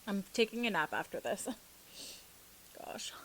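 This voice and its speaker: A woman's voice: mid-range voice, moderate pace, noisy background. A woman hosting an eating show, chatting informally to viewers between mouthfuls. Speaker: mukbang host. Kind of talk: casual chat to viewers while eating.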